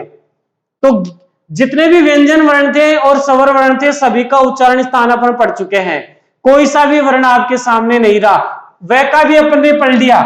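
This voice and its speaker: Speaking very high and a little bright, a male teacher lectures for an exam in a room with noticeable echo. Again and again he calls out a question and then answers it, a repetitive teaching pattern.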